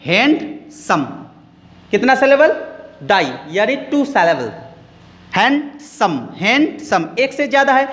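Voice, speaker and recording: A man teaches a grammar lesson in a high, very animated voice that leaps up and down as he stresses each point. He goes over terms again and again and keeps quizzing his listeners. The room gives his voice a long, ringing reverb. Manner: explains slowly, repeats key words, quizzes listeners.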